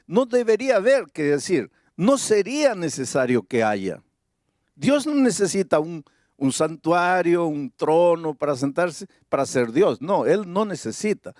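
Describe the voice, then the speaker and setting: A man preaching a sermon, reading Bible verses slowly and deliberately and building to emphatic high points. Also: big pitch swings, darkish tone, dry recording, clean studio sound.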